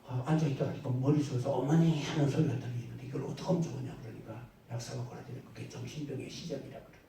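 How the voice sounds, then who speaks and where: A male pastor tells stories from the pulpit, sometimes quiet and sometimes forceful in his emphasis. His voice is dark and mellow. It rings through a very echoey church hall, picked up from some distance away. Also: mid-range voice, steady tone, rapid-fire, slight background noise. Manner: storytelling, swings between soft asides and loud emphatic bursts. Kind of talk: sermon. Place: church sanctuary.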